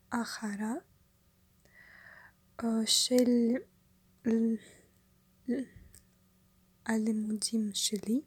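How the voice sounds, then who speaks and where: A young woman, a non-native Hebrew speaker with a foreign accent, introduces herself in simple, hesitant phrases, searching for words in a breathy voice. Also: a little high, no room sound. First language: not a native Hebrew speaker. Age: young adult. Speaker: language learner, university student. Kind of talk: simple self-introduction in a learned language.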